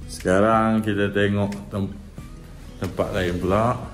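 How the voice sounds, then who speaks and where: Young Malaysian male vlogger, relaxed slow delivery, chatty, phone-recorded over loud background music. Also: lowish voice. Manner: chatty, guiding the viewer on a family road trip. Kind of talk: casual travel vlog. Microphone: phone camera held at arm's length. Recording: loud music bed under the voice.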